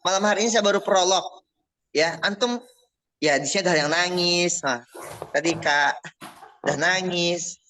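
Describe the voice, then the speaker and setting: High-voiced animated male preacher. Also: moderate pace, long pauses, a little hiss or hum, low-quality recording. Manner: animated, asks the audience rhetorical questions; calls on listeners by name. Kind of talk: Islamic study sermon on parenting. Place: mosque.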